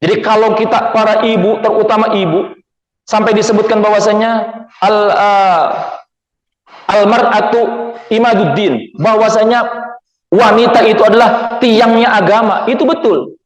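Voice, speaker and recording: A man with a high-pitched voice delivers a sermon, repeating his key phrases for emphasis. The recording is roomy, with a long hall echo behind every phrase. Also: steady tone, normal speed. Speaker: preacher. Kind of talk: sermon with storytelling.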